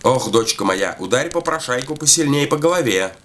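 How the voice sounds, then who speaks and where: A man's voice: medium pitch, lively intonation, normal speed, fairly bright tone, a little hiss or hum, pitched above the performer's own voice, close to an everyday voice. A man voicing a shaggy, hungry female forest spirit who gives commands in a coaxing tone. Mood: commanding.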